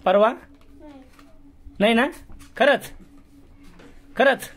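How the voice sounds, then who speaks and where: At home indoors, a man with an extremely high-pitched, fairly bright voice and drawn-out words sternly scolds a child. This family member insistently asks the same questions over and over in the home recording.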